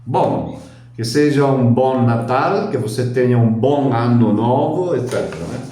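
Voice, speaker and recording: Slow, chatty older man teaching. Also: mid-range voice, animated, dark tone. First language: Italian. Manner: chatty, explains at length, ends points with a questioning tag. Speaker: language teacher. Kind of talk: relaxed spoken lesson. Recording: very echoey room.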